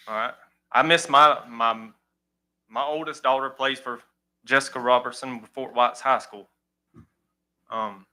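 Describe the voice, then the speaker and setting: A man who runs a girls softball league, speaking plainly and earnestly at a county meeting. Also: mid-range voice, poor audio. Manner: plain-spoken, earnest, repeats "all right". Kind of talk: public comment at a county meeting.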